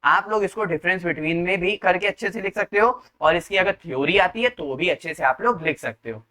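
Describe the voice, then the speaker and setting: A man's voice: sits high, animated, sharp tone. A man teaching chemistry in a lecture style, often checking "okay?" and quizzing students on each step. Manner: repeats "ठीक है" and quizzes the viewer with questions; slows down to read English lines word by word.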